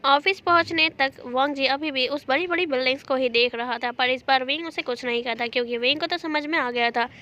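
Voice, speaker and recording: High-voiced woman casually narrating a story. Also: fairly quick, few pauses, sharp tone. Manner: chatty retelling with asides. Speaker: fanfiction storyteller.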